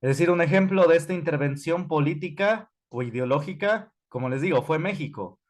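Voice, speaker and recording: A man's voice: fairly high pitch, fairly quick. A male history teacher, lecturing an online class in a conversational way, with many fillers and self-corrections. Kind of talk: online class lecture while typing notes.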